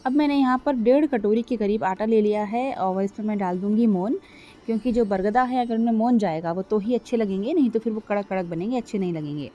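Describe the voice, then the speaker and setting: A woman's voice: mid-range voice, a little fast, warm tone. A middle-aged woman narrating a cooking vlog, chatty, explaining each step and often speaking straight to her viewers. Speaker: cooking vlogger. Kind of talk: casual voice-over cooking vlog.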